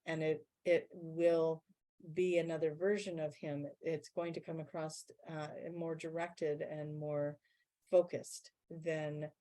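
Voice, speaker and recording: A woman channelling a guide being in a spiritual question-and-answer session, explaining in a measured way and slowing down to stress key words. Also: deep voice, flat delivery, warm tone.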